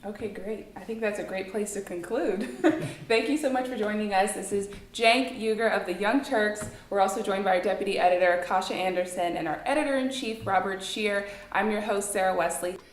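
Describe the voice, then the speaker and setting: A woman hosting a live web show from an office, asking questions briskly and politely before signing off. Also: mid-range voice, roomy sound, slight background noise. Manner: brisk, polite, wraps up quickly. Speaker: host.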